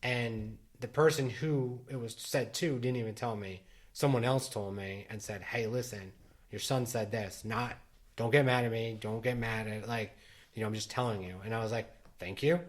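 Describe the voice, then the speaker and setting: A man's voice: medium pitch, steady tone, moderate pace. A middle-aged man co-hosting a podcast, talking in a loose, rambling way with lots of restarts and fillers. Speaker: podcast co-host. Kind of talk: casual chat.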